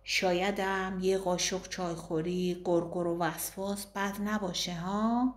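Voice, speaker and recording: A woman's voice: fairly low pitch, steady tone, reverberant, natural voice. A woman voicing a teasing chatty woman friend. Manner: bantering, gossipy.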